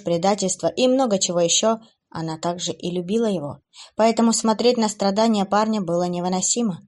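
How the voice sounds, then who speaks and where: A woman narrating a dark fantasy audiobook with an expressive, dramatic reading. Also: medium pitch.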